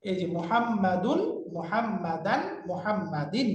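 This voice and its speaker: A man's voice: high-pitched, expressive, moderate pace. A man teaching an online class, patiently repeating each term for students to echo. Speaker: Arabic grammar teacher. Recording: very echoey room.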